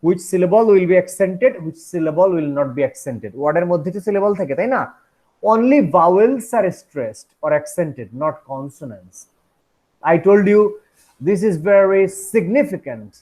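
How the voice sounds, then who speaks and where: A man's voice: high voice, expressive, takes it slowly, a little mellow. Male teacher checking students follow. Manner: mixes Bengali and English, often checks if students follow. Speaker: English phonetics teacher. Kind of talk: classroom lecture.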